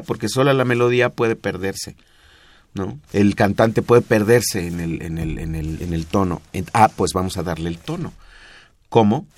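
A Mexican man with a low voice talks through music history in a patient, teacherly way, often repeating his points. The sound is dry and close, with no room echo. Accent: Mexican Spanish. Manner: didactic, patient explaining with repetitions. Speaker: music expert guest. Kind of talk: explanatory radio talk.

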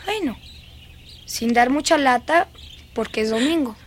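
A woman's voice: sits high, animated, unhurried, a little hiss or hum. A woman dubbing a dreamy, eerie little girl who is fascinated by dead beetles, in a lingering, singsong, childlike way. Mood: soothing. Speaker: dubbing actress. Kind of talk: film dubbing.

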